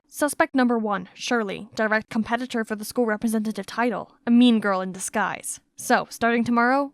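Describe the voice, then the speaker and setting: A woman playing a businesslike senior agent who briefs a team in an animated story. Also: a little high, no room sound, close to an everyday voice. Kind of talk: animated story character acting.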